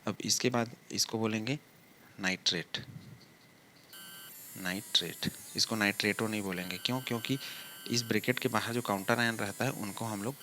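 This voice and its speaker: On the low side with a pushed, bright tone, a man's steady voice leads a blackboard chemistry lesson step by step. He poses questions and answers them himself, drawing words out slowly while he writes, with a little hiss or hum in the recording.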